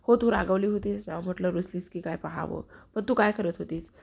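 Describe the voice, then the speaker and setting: A suspicious young husband presses question after question, played by a woman telling the story. The voice is low and husky with a gravelly grain. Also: fairly quick, a little mellow. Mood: probing.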